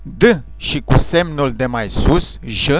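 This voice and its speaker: A man calmly teaching English pronunciation sounds, speaking slowly and carefully as in a scripted lesson. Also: on the high side, a little hiss or hum. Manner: slow, careful, explanatory delivery. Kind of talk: scripted instructional narration.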